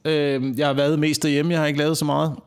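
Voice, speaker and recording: Male co-host, slightly high voice, joking crude storyteller. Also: flat delivery, clean tone. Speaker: podcast co-host, performer. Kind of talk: casual podcast banter. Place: office.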